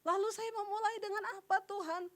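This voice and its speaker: High-voiced woman preaching animatedly. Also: fairly quick. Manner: animated, conversational preaching with rhetorical questions to the congregation. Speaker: evangelist preacher. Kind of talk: sermon.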